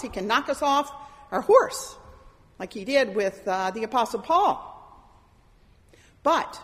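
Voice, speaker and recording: A middle-aged woman preaching a sermon, her high voice rising and falling as she tells stories and plays out the voices of the people in them. She sounds lively, and her voice carries through the long reverb of a church hall. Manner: animated storytelling, voices quoted speakers. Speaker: pastor.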